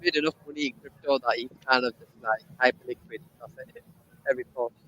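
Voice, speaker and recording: A man co-hosting a casual podcast chat over an online call, his audio glitching and breaking up as he talks in a relaxed, hesitant way. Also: medium pitch, quick pace, muffled recording, a little hiss or hum. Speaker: co-host.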